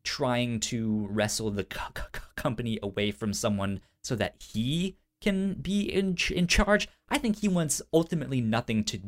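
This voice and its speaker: A man hosts a casual pop-culture podcast, speaking informally with lots of slang and often stuttering and repeating syllables. His medium-pitched voice moves at normal speed with hardly any pauses.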